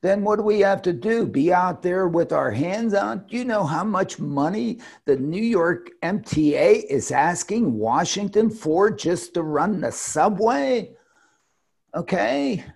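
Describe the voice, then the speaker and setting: Gravelly, exasperated talk-show man. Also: high voice, expressive, a little slow, darkish tone. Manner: emphatic, exasperated, rambling with many restarts. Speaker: podcast co-host, commentator. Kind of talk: casual opinionated discussion.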